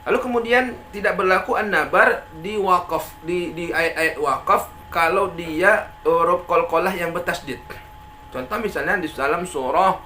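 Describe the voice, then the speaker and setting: A man teaching Quran recitation, explaining rules and then chanting example verses slowly with a rising stress. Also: high-pitched, bright, forceful tone, faint music behind.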